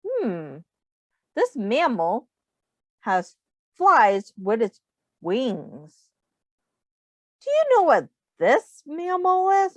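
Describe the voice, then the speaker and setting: Reading a picture book aloud for young kids, this teacher speaks in a slightly high voice, expressive and deliberate. She pauses to pose questions to her audience, and the recording is dry.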